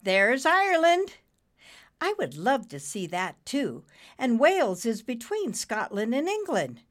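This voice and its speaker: A woman's voice: on the high side, wildly swooping pitch, unhurried, voice pushed up. A woman voicing an eager, earnest male cloud angel in a storybook reading. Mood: excited.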